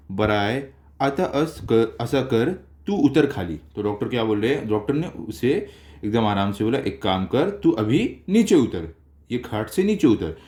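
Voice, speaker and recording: A man's voice: medium pitch, darkish tone. Man explaining a school lesson. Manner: reads a line, then explains it in simple terms. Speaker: teacher. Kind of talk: explaining a textbook chapter.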